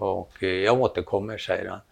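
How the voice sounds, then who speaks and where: Man, gravelly low voice, lively storyteller acting out quoted lines. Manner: animated storytelling, acts out quoted dialogue. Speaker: storyteller, photographer. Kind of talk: casual anecdote telling.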